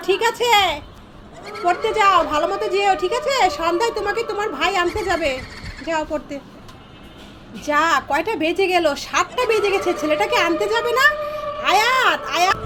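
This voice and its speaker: A woman's voice: very high voice, moderate pace. A woman playing a mother in a casual family comedy skit, scolding and coaxing her child. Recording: noisy home recording.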